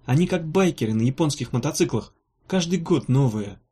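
A man reading an audiobook voices a fussy, practical female valkyrie healer with a brisk, blunt manner. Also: mid-range voice, expressive, dark tone, slightly rough. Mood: matter-of-fact. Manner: brisk, blunt, a little embarrassed.

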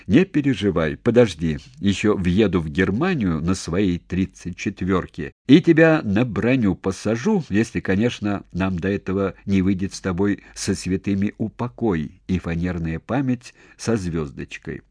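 A man's voice: sits low, lively intonation, normal speed, hardly any pauses, darkish tone, husky, no echo, studio quality. A man reading the lines of a blunt, brusque middle-aged male tank officer in an audiobook. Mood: teasing.

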